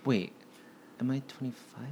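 A man's voice: medium pitch, fairly even intonation, moderate pace, over a noisy crowd. A man in his twenties from the United States, a guest in a casual podcast conversation, talking hesitantly with many "um" and "like" fillers. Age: 20s.

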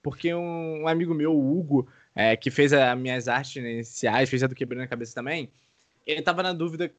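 A man with a Brazilian accent, a podcast host appearing as a guest, telling a story in a relaxed, casual way and often asking "tá ligado?". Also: medium pitch, brisk, no echo. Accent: Brazilian Portuguese.

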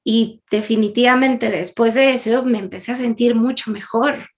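A woman's voice: on the high side, steady tone, moderate pace. A woman, a guest in an interview, telling a personal story in an earnest, candid way with frequent laughs and fillers.

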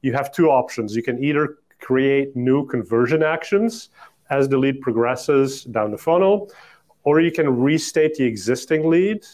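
A man hosting a casual podcast chat. He fires off questions in a curious, quick way and trails through fillers as he thinks. His voice sits in an ordinary middle pitch. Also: a little mellow. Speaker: podcast host.

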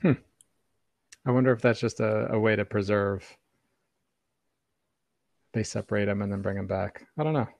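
A man's voice: lowish voice, moderate pace, pauses often, dry recording. A man in a casual chat, easygoing and rambling, often restarting his sentences. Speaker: podcast co-host.

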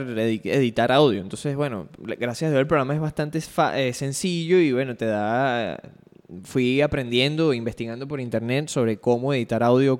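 A man's voice: medium pitch, a little mellow. A man co-hosting a sports podcast in casual chat, easygoing and restarting his sentences often. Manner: easygoing, many fillers and restarts. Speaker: podcast co-host and editor. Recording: reverberant room.

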